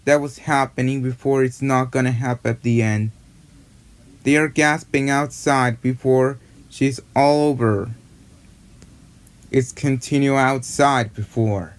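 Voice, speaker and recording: Slow halting man retelling a cartoon. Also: medium pitch, steady tone. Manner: halting, repetitive, run-on retelling. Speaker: fan narrator retelling a cartoon. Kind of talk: rambling casual narration.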